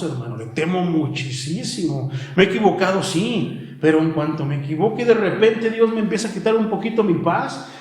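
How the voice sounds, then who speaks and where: Rich A high-voiced man preaches with fervor, calling his listeners "brother" again and again. His voice rings out in an echoey room. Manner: impassioned preaching, often calls out "brother". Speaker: pastor. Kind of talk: sermon. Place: church.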